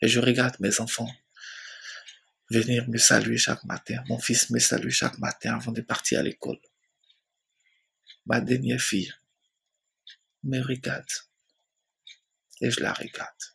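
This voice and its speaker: A man telling his personal faith testimony slowly, repeating phrases and often dropping to a soft, near-whispered voice. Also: mid-range voice, level tone, gravelly, slightly rough. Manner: slow storytelling with many repetitions. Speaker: church member giving a testimony.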